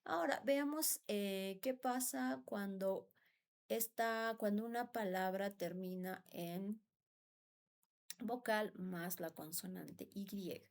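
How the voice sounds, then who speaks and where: Slow, gravelly-voiced teacher. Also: female voice, mid-range voice. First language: Spanish. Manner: patient, repeats words and asks "¿no?" for agreement. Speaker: English teacher. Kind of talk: classroom explanation.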